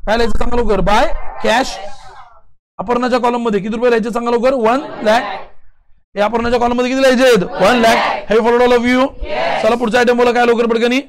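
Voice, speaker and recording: A male commerce teacher leading a classroom accounting lesson, firing quick questions and calling on students to answer loudly. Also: very high voice, little pitch movement, crowd noise, noisy background. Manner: drilling students with rapid call-and-response questions. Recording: class chorus behind.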